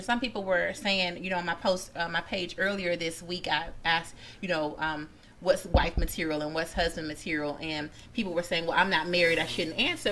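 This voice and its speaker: A woman's voice: lowish voice, pushed and bright, slight background noise. A woman who works as a matchmaker and dating coach, hosting a radio talk show in an upbeat, chatty way with many fillers.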